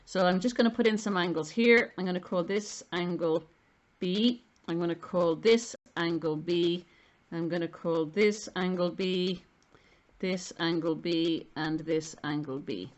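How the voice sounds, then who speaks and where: A middle-aged Irish woman with a slightly low voice teaches maths informally. She explains step by step, stressing key terms, with a self-deprecating touch. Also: unhurried, lo-fi sound. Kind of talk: informal spoken maths lesson.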